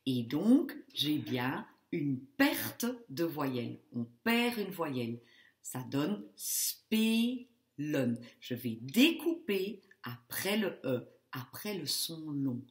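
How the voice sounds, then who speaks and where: A woman's voice: low voice, sing-song, takes it slowly. A woman teacher explaining spelling rules step by step in a lesson, stressing each example word. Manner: teaching in French, switching to Dutch for the example words. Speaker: Dutch language teacher.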